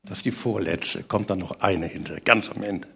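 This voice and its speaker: A man preaching a sermon to a congregation, animated and asking rhetorical questions. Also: low voice, moderate pace, gravelly, husky.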